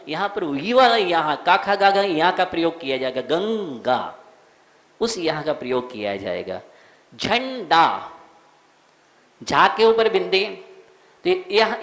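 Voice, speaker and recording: A man, a monk, teaching the recitation of a devotional verse, slowly sounding out each word and asking listeners to repeat. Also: high-pitched, a bit bright. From India. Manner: slow, repeats words, quizzes listeners; chants verses in a sung tone. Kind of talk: recitation and pronunciation lesson.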